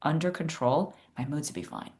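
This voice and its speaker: Lower-voiced woman in her fifties. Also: normal speed, darkish tone. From United States (Chicago). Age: 50s. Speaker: guest neurologist. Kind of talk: podcast interview.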